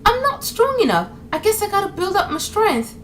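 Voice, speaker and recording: A woman putting on a high, whiny voice as a helpless young adventure heroine, mocking her. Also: very animated, fairly quick, a bit bright, a little hiss or hum, heavily acted.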